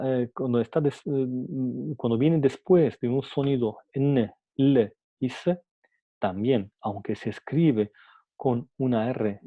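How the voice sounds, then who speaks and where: A man's voice: medium pitch, no room sound. A man teaching a phonetics lesson, hesitant, with many restarts and fillers, often adding a rhetorical "no?". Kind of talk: phonetics lecture. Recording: tinny lo-fi dry recording.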